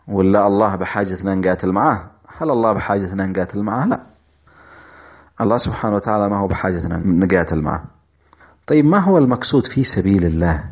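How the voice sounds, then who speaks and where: A man's voice: fairly low pitch, a little mellow. A man with a Yemeni accent delivers a religious lecture in formal Arabic mixed with colloquial speech, repeating key phrases to teach.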